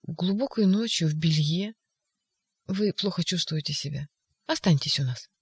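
A reader voicing a calm male doctor who asks measured questions in an audiobook. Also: mid-range voice, husky, dry recording, studio quality.

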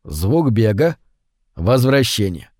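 A man reading a short story aloud, slow and brooding, raising his voice for the quoted lines. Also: fairly low pitch, big pitch swings, no room sound, clean studio sound. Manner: slow, hushed and brooding, with louder acted quotes. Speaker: audiobook narrator. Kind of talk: scripted narration of a short story.

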